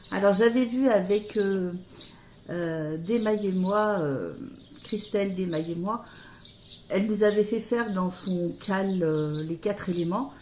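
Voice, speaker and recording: A middle-aged woman chatting casually about her knitting, hesitant, with many pauses and fillers, recorded by a camera on a table near her. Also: mid-range voice, warm tone, echoey room, slight background noise. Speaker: knitting podcaster.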